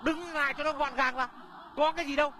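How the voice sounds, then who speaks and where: Bright-voiced, lecturing village official. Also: male voice, extremely high pitch, fairly even intonation, fast talker, slight background noise. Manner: lecturing, scolding, ordering. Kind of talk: stage comedy sketch.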